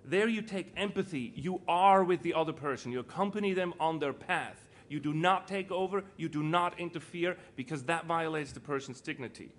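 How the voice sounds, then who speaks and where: Speaking with few pauses at a normal speed, this Swiss panelist has a slightly high, somewhat bright voice. The middle-aged entrepreneur and foundation co-founder is emphatic in his informal talk, posing rhetorical questions and repeating points. The live audience's room noise comes through clearly.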